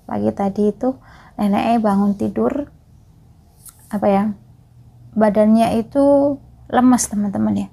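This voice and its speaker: A woman's voice: mid-range voice, steady tone, a little slow, vocal fry, long pauses, warm tone. A woman from East Java, a migrant caregiver chatting casually to her viewers in a vlog and often calling them friends. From East Java, Indonesia.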